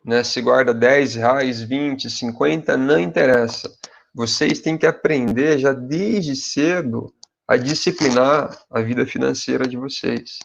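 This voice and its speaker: In a relaxed advice talk to graduate students, a Brazilian university professor in his forties speaks in a gravelly, mid-range, medium-pitched voice at a measured pace, carrying a Brazilian Portuguese accent. He calls his viewers "pessoal" and often adds small tags asking if they're following. The audio sounds a bit dull and lo-fi.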